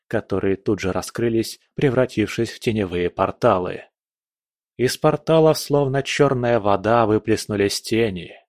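A man reading a first-person fantasy audiobook, pushing up his pitch and volume for the shouted dialogue. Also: no room sound, clean studio sound. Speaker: audiobook narrator.

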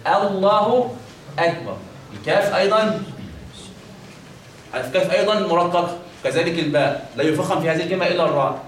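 Egyptian guy giving a lesson, voice a bit high, lots of echo, sounds far from the mic. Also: fast, long pauses, fairly bright tone, a little hiss or hum. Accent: Egyptian Arabic. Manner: drills pronunciation, repeats examples, checks with "خلاص؟". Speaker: teacher of the call to prayer. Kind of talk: classroom lesson with demonstrations. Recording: echoey room, mic at a distance, faint ambience.

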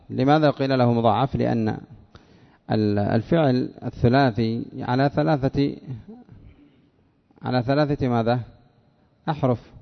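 Gravelly male teacher, lo-fi lesson recording. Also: medium pitch. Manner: drills students with questions, repeats words slowly. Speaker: Arabic morphology teacher. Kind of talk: classroom lesson.

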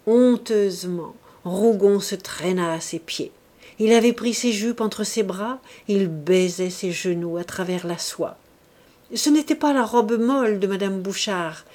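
A woman reads a classic novel aloud in a measured, expressive narration. Her voice is mid-pitched, and she gives each sentence a clear shape. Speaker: audiobook narrator. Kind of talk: literary audiobook narration.

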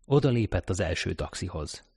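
Deep gravelly male narrator. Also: expressive, a little mellow, no echo, clean studio sound. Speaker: audiobook narrator. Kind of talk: scripted narration.

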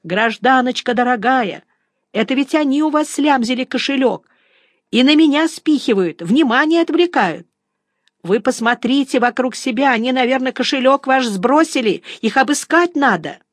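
A woman voicing a male pickpocket who loudly plays the wronged victim in a drawling wail. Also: high-pitched, animated, moderate pace, dry recording, clean studio sound, pitched above the performer's own voice. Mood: pleading. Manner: loud drawling protest. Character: male pickpocket, shrill, whining, playing the victim.

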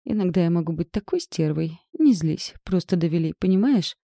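A woman's voice: lowish voice, animated, brisk, gravelly, warm tone, dry recording, studio quality. A woman voicing Galya, a frazzled young office worker who whines and complains to her friend. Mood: whiny. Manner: whiny, complaining.

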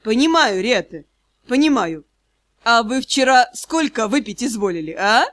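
A woman's voice: on the high side, animated, a little slow, a bit bright, no room sound, studio quality. A woman voicing a stern, sarcastic male headmaster of a magic school who drawls threats and mockery. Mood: menacing. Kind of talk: audiobook character voice.

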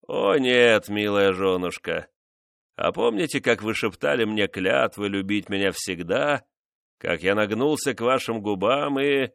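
A man's voice: lowish voice, lively intonation, vocal fry, a bit bright, clean tone, dry recording, clean studio sound, full character voice. Man playing a cruel, mocking nobleman. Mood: menacing. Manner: mocking, menacing, measured. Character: cruel vengeful nobleman, menacing husband.

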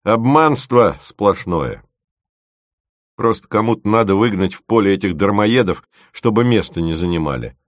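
A man's voice: on the low side, expressive, normal speed, no echo, clean studio sound, natural voice. A man voicing a bossy, motherly woman who leads an expedition and dotes on her team. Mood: bossy, doting.

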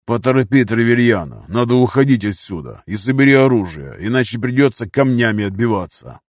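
A man voicing a gruff, impatient male fighter who snaps and growls out orders. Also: medium pitch, expressive, fairly quick, dry recording, clean studio sound, natural voice.

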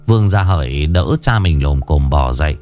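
A man narrating a historical folk tale in a steady, expressive storytelling voice. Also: extremely low pitch, normal speed, faint music behind.

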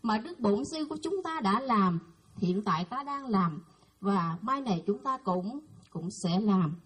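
Woman mc at a buddhist ceremony, formal honorifics, husky breathy voice. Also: mid-range voice, expressive, unhurried. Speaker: ceremony presenter.

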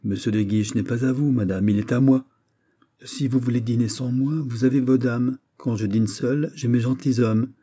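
A man's voice: mid-range voice, steady tone, dark tone, husky, close to an everyday voice. A man reading aloud, voicing a jealous, petulant royal prince who turns bitter and angry. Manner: bitter, quick to anger, whining.

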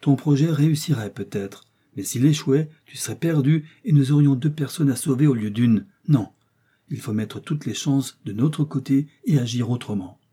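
A steady, commanding explorer doctor , read by a man with a dark, slightly husky voice. He lays out plans in a calm, reasoned way. This is an audiobook read aloud. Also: mid-range voice, moderate pace, voice pushed up, close to an everyday voice. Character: resolute learned explorer doctor, middle-aged man.

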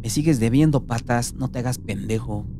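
A man's voice: mid-range voice, a little fast, music in the background, close to an everyday voice. A man with a Mexican accent voicing a cold, menacing thug collecting a debt.

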